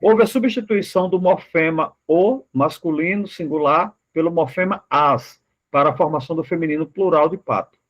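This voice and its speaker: A man's voice: on the high side, moderate pace. A man with a Brazilian Portuguese accent, a student reading a lesson text aloud steadily in an online class.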